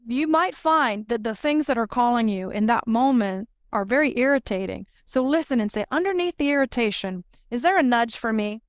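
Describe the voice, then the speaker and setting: Woman channeler, higher voice, emphatic, tags lines with "right?", dry close sound. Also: no room sound. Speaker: channeler for a spirit collective. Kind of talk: channeled spiritual guidance in an interview.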